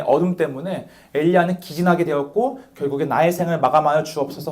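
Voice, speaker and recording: Animated young male youth preacher. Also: fairly high pitch. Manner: animated preaching, rhetorical questions, calls on listeners by name. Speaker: youth pastor. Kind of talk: sermon.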